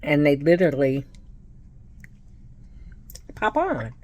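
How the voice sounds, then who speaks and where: A woman's voice: low-pitched, very animated, takes it slowly, a little mellow. A woman vlogging casually about her new teeth, effusive and chatty, with a slight lisp. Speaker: customer sharing her experience. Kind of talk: casual selfie vlog.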